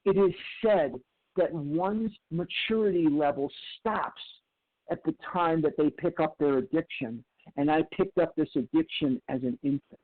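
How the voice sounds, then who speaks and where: A man in his sixties giving a candid, emphatic personal recovery share, often repeating phrases. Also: on the high side. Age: 60s. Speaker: recovery speaker. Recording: tinny phone-like recording.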